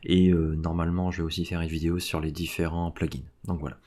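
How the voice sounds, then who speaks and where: A man casually talking through a screen-recorded software tutorial, filling his talk with little fillers. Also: deep voice, little pitch movement, fast talker. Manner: casual, full of "donc" and "hein" fillers. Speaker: tech tutorial host.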